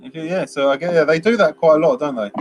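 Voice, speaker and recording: Another co-host of the film review talks quickly in a higher, darkish voice, with a little hiss or hum behind him. His chat is loose and rambling, packed with fillers and restarts, and he acts out quotes.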